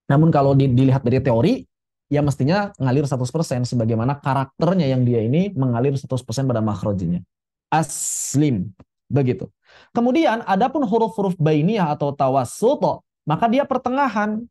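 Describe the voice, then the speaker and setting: A man teaching a Quran recitation lesson, explaining letter sounds in a relaxed, chatty way and repeating each example slowly. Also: a little high. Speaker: tajwid teacher.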